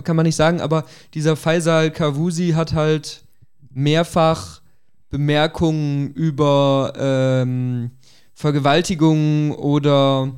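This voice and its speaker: Male podcast host, higher register, informal conversational delivery, cautious and hedging. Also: a little mellow, clean tone.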